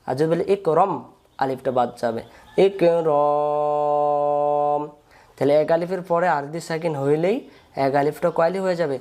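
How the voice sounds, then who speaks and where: Fairly high in pitch and darkish in tone, this man talks at a quick pace. Even so, his Quran reading lesson is a slow, step-by-step recitation in which he patiently spells out the letters, draws out the long vowels, and repeats each stage.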